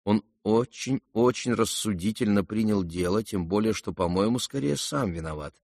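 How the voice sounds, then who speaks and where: A polished, confiding gentleman , voiced by a male reader, talks low and hushed. The reader's deep voice sinks even lower and quieter. The dry, close sound makes it feel private. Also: moderate pace, no echo. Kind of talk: audiobook character reading.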